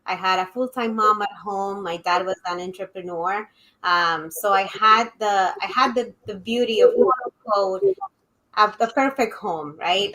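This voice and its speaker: A woman's voice: mid-range voice, bright, forceful tone, low-quality recording. A woman from Ecuador, a guest on a live interview, earnestly telling her family story with a few fillers. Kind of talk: candid personal storytelling.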